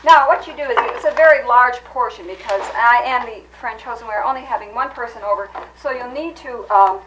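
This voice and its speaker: A woman hosting a comedy cooking segment, explaining absurd claims in an earnest, deadpan way. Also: fairly high pitch, brisk, muffled recording, background noise. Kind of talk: deadpan mock cooking demonstration.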